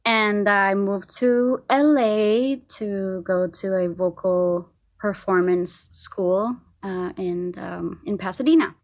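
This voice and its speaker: A woman's voice: mid-range voice, fairly even intonation, slow pace, few pauses. A woman from Costa Rica, a singer, chatting casually on a podcast, with frequent laughs and fillers. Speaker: singer and co-host.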